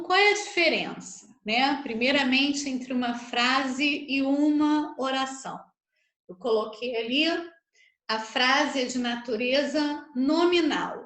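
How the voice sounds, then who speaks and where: A Brazilian Portuguese teacher gives an online grammar lesson, explaining slowly and patiently and checking in with students through frequent tag questions. Her voice is high with a fairly bright tone, and the room is echoey.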